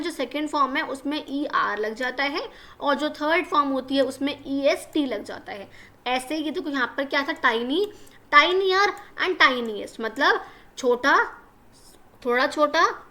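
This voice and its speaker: A high, bright-voiced woman teaches a lesson to children. She speaks, patiently repeats every point and keeps asking her pupils whether they understood. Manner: patient, repeats each point, asks the class questions.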